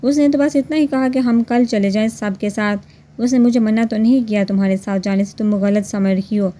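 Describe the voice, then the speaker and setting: A rude, short-tempered young husband barking curt orders, read by a woman narrator. The voice stays mellow and dark at a middle pitch. It is a spoken romance storybook. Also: steady tone, normal speed, lightly acted. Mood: harsh. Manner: curt, commanding.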